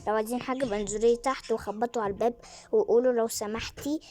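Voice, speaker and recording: A woman's voice: on the high side, fairly even intonation, warm tone, natural voice. A woman voicing a chatty, motherly Egyptian neighbor in a game role-play skit, speaking with an Egyptian Arabic accent. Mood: fussy. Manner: fast, fussy and motherly chatter.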